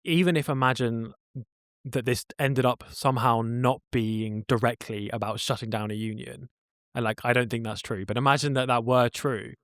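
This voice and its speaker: A man's voice: medium pitch, steady tone, moderate pace, no room sound, studio quality. Earnest man rambling through restarts. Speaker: podcast co-host. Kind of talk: casual chat.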